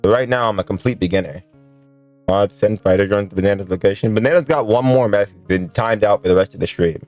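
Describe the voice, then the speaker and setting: Low-voiced streamer man. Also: quick pace, darkish tone, no echo, faint music behind. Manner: joking, chats with viewers. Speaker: streamer playing a visual novel. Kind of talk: casual let's-play commentary.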